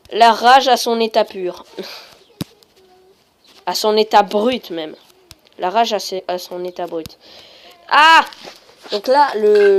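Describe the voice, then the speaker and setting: Playful woman gaming commentator. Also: medium pitch. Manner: playful, rambling, bursts of frustrated shouting. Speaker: gaming video creator. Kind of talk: casual Minecraft gameplay commentary.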